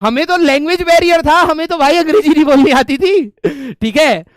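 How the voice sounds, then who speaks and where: A young man casually telling a story to his viewers, animated and often saying "ठीक है". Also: very high voice, a little fast, no echo, studio quality.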